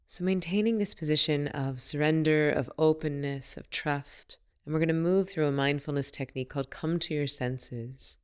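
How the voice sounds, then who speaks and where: Leading a guided meditation, this woman teaches in a calm, gentle, instructive manner without any hurry. She has a low, clean voice.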